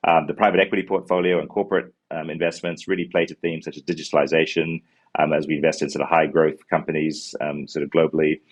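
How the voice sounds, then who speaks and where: A man in his forties, born in Sri Lanka and raised in New Zealand, speaks quickly in a Kiwi accent with little pitch movement. As a fund co-manager, he pitches his fund and answers questions over a video call on earbuds from a glass-walled office. He says um and uh a lot and restarts words while explaining.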